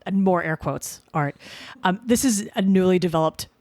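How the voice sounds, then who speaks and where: A woman's voice: lowish voice, normal speed, darkish tone, no echo. A woman in her forties from the Boston suburbs, co-hosting a comedy podcast with dry, sarcastic, rambling asides. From Boston suburbs, USA. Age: 40s. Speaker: podcast co-host.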